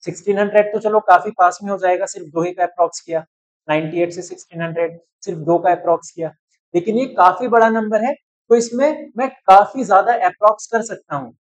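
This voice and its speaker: A young man teaches chemistry in a chalkboard-style math walkthrough, working through a calculation step by step and often checking that students are following. His voice sits high and he speaks fairly quickly. The recording is low quality.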